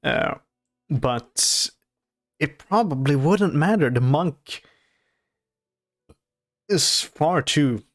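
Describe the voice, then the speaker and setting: A man giving casual reaction commentary on a show, off camera, in a halting, soft-spoken way with many restarts. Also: fairly high pitch, lively intonation. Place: off-camera voice-over.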